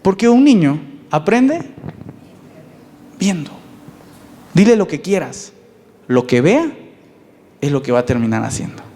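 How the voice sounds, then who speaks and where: Man, Mexican accent, pastor, conversational sermon, rhetorical questions, high pitch, reverberant church hall.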